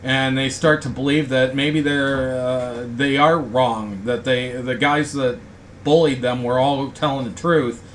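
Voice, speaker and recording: A man hosts an informal talk with a blunt, indignant edge. He rambles at a mid pitch. A faint background hum sits behind him. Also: steady tone, a little slow. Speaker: host. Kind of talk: casual ranting chat.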